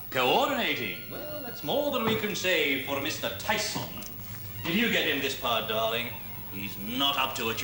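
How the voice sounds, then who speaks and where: An actor playing a middle-aged radio actor who drinks and sneers, with a theatrical drawl. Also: male voice, mid-range voice, roomy sound. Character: boozy veteran male radio actor, pompous and mocking. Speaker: stage actor in a radio company.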